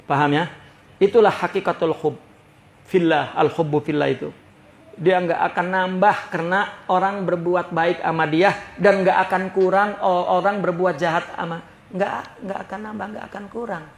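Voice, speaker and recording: A man teaching religion in a relaxed, conversational style and often checking that his listeners follow. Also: high voice, moderate pace, vocal fry, echoey room. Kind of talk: kitab study lecture. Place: prayer hall.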